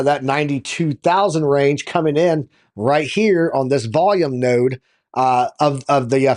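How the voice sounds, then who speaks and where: A slightly hoarse man hosts a live market show, casually commenting on charts and talking to viewers informally, as if they were his buddies. His voice is a little high and a little mellow.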